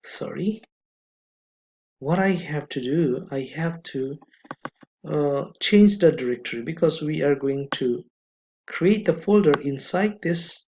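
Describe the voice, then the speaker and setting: A man teaching a beginner coding lesson over a screen recording, speaking slowly and deliberately and checking in with "okay" again and again. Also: on the high side, expressive, warm tone, a little hiss or hum. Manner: slow, deliberate, repeats okay often. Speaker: coding instructor. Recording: slightly dull lo-fi mic.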